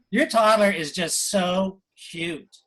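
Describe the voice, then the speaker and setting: A middle-aged man hosting a comedy fundraiser on a video call, asking teasing questions and laughing at his own jokes. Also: high voice. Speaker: host. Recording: noisy video call line.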